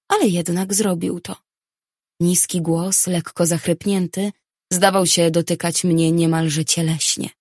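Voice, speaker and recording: A woman reads a novel aloud in the first person, with a measured, even delivery. Her voice sits low for a woman. The recording is dry and close, with no reverb at all. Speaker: audiobook narrator. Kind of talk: first-person audiobook narration.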